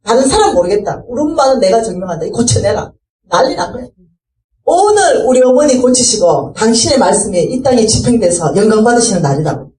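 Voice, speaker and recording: A middle-aged woman delivers a sermon-style testimony, her pitch swinging widely as she acts out the people in her story. Her tone is mellow and soft-edged. She sounds set back from the mic in a roomy, echoing hall. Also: very animated, a little fast, recorded from a distance. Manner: impassioned, rising to fervent pleading. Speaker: speaker giving a church testimony.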